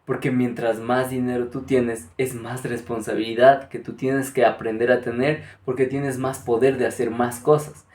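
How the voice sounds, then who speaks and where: A man gives a motivational spiritual talk, speaking earnestly and directly to the listener. His voice sits at an average pitch for a man. The recording has a noticeable room echo. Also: little pitch movement, moderate pace, hardly any pauses, darkish tone. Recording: echoey room.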